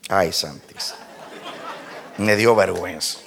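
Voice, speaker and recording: A male preacher delivers an animated sermon, swinging between loud exclamations and hushed asides and acting out his talks with God. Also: low-pitched, a little slow, gravelly, a faint crowd, a little hiss or hum. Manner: acts out conversations with God.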